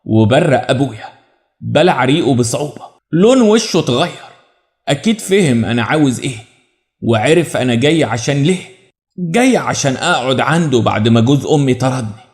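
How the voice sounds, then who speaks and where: A man's voice: mid-range voice, lively intonation, a little fast. Egyptian man narrating a drama story. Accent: Egyptian Arabic.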